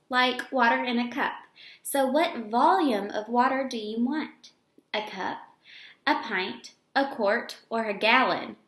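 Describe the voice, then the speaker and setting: A woman with a high, fairly bright voice, an elementary school teacher, reads a picture book expressively for young children. She adds simple explanatory asides, and the recording has the echo of an indoor room.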